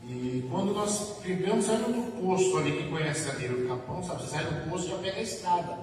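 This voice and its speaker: A man with a high voice and a Brazilian Portuguese accent tells a testimony to a church congregation, circling back and repeating himself as he goes. He sounds far from the mic, in a very echoey hall with a long reverb and clear background noise. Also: lively intonation, a little fast. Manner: rambling, repetitive storytelling. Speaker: church member giving testimony. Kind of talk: spoken testimony at a church service.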